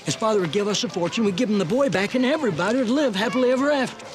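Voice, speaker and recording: An actor as a high-voiced, eager, dim-witted crook. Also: male voice, racing, music in the background, close to an everyday voice. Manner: simple, earnest, muddles his words. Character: dim-witted, eager, muddled small-time crook sidekick. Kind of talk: comic period film acting.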